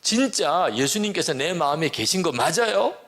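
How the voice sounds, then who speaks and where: Man doing a desperate teenage daughter, high and pleading, for a sermon story. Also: lively intonation, moderate pace, fairly bright tone. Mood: anguished. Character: distraught teenage daughter crying out her doubts.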